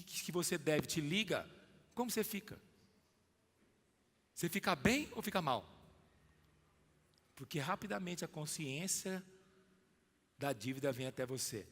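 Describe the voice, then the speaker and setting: A man preaching a sermon emphatically in a church, calling on listeners by name and swinging from loud to hushed. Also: high voice, lively intonation, normal speed, pauses often, long reverb tail. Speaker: pastor.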